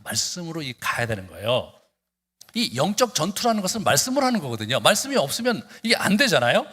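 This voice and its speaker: A male pastor preaching a sermon, emphatic and exhorting, pushing his pitch up suddenly to drive a point home. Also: pushed and bright. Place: church sanctuary. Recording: long reverb of a church hall.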